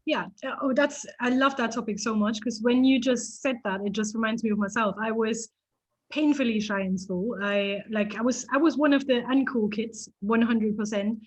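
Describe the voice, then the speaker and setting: A woman from East Germany, a photographer, telling stories in a casual interview with lively restarts and laughter. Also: on the high side, normal speed, poor audio. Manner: animated storytelling, frequent restarts and laughs.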